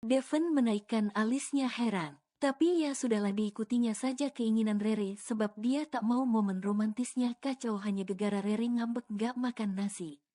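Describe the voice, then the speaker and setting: Woman narrator for a romance audio novel, mellow and a bit high, even delivery with chatty asides. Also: normal speed. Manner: even storytelling with casual colloquial asides.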